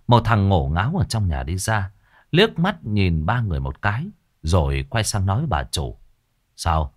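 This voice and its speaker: A man telling a story in an earthy, colloquial, animated way. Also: low voice, normal speed. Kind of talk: storytelling narration.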